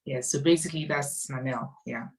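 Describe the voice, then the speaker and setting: A young woman with a Ghanaian accent speaks in a low voice, friendly and chatty, often laughing and repeating herself as she gets going. She sounds a bit far from the microphone. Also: a little fast, darkish tone. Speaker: guest, nurse. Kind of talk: casual interview.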